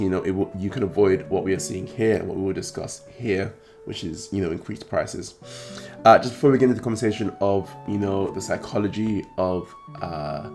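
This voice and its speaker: A man hosting a trading card game vlog, talking casually with many fillers and restarts, his voice croaky. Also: low-pitched. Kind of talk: casual talk to camera.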